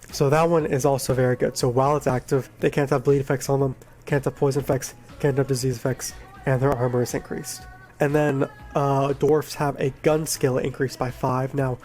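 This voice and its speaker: A man talks with a groggy voice because he is sick. He explains a game in a laid-back, rambling way and often corrects himself mid-sentence. His pitch is middling, neither high nor low. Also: a little mellow. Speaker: gaming video creator. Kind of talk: casual game guide talk.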